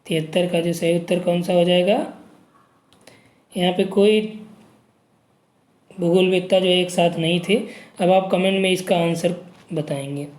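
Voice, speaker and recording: Man teaching exam prep, echoey room. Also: sits high. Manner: reads options aloud, frequent "ठीक" checks. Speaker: geography teacher.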